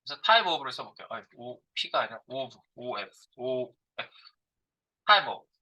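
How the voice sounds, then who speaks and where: A man's voice: mid-range voice, sing-song, unhurried, sharp tone, highs cut off. A middle-aged man giving a live coding lecture as a programming instructor. He thinks aloud while he types, asking and answering his own questions.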